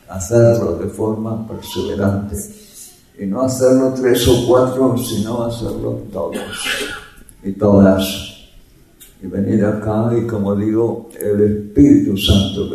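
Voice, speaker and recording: A male preacher tells his congregation a story in an unhurried, conversational way. His voice is low and mellow. He sits some distance from the microphone, and the church hall echoes heavily around him. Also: vocal fry. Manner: slow, conversational preaching with illustrative stories. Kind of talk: sermon.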